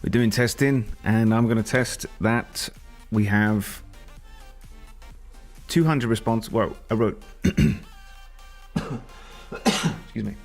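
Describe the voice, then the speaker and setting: Deep, gravelly man coding live. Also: slow pace, pauses often, a little mellow, faint music behind. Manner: thinking aloud, rambling with restarts. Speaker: software developer live-streaming. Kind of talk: casual live coding stream.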